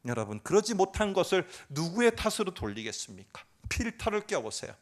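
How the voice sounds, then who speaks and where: A male pastor preaching a sermon, voicing tearful prayers aloud and moving between hushed pleas and loud appeals. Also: high-pitched, very animated, fairly quick.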